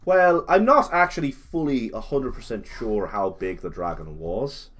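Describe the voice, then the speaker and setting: A man's voice: mid-range voice, lively intonation, moderate pace, a bit bright. A man casually narrating a tabletop role-playing game, joking and slipping into characters' lines as he goes.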